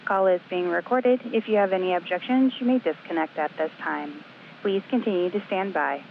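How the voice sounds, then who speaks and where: A woman conference call operator reading a formal scripted notice in a flat, polite manner. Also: on the low side, moderate pace, gravelly, noisy background. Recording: dull lo-fi line.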